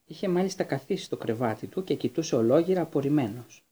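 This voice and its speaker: A man narrates a storybook in a steady, measured way. His voice is dark and mellow, with a husky grain. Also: on the high side. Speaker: audiobook reader.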